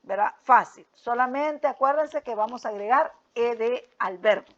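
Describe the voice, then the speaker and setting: A woman's voice: fairly high pitch, moderate pace, fairly bright tone. Patient teacher woman, muffled audio. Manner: patient, repeats with frequent "¿verdad?" and "¿ok?" checks. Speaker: English teacher. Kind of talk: explaining a lesson step by step.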